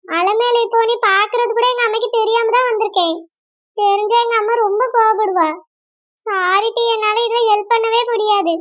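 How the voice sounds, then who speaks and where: A timid young village girl, acted by a woman, with a Kanyakumari Tamil accent. Her voice is very high and sharp. She is apologetic and turns down a friend's request. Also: fairly even intonation, normal speed. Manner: apologetic, refusing.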